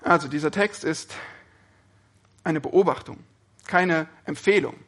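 A man's voice: fairly high pitch, unhurried, fairly bright tone. A man preaching a sermon, speaking earnestly and often putting questions to his listeners.

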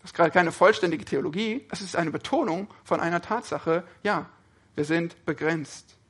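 A man's voice: fairly high pitch, normal speed, slightly rough. A man preaching a sermon, speaking earnestly and often putting questions to his listeners.

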